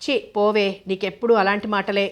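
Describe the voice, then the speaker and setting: A woman voicing a lively, shy young bride who teases her husband, with little change from her narrating voice. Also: medium pitch, fairly quick, natural voice. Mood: coy. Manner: coy and spirited.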